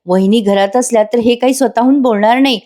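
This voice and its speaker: A woman's voice: fairly high pitch, brisk, dark tone. A woman gives a voice-over recap of a TV serial episode. She chats along, tells the story and speaks directly to her viewers as an eager fan. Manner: chatty, addresses viewers directly. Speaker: TV serial reviewer.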